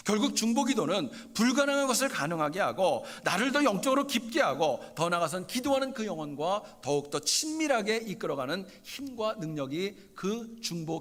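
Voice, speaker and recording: A man's voice: a little high, a bit bright. Earnest male pastor in an echoing sanctuary. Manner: earnest, repeatedly addresses the congregation directly; emphatic repetition of key phrases. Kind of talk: sermon. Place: church sanctuary.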